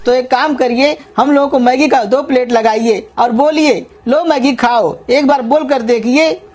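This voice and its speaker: A woman voicing a scheming young man who coaxes and flatters to get free food in a comedy cartoon. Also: high-pitched, measured pace. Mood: persuasive. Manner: coaxing, flattering, persuasive. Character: scheming young man, sweet-talking and crafty. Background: music.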